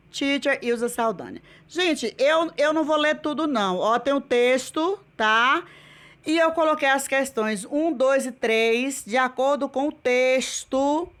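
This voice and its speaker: A woman's voice: on the high side, fairly bright tone, smooth. A woman with a Brazilian Portuguese accent teaching English in a remote video lesson, patiently repeating each word and quizzing her class with questions.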